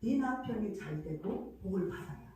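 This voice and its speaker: A woman's voice: mid-range voice, animated, moderate pace, warm tone. A middle-aged woman pastor preaching a sermon, telling stories emotionally with many fillers. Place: church sanctuary. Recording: echoey hall from far off.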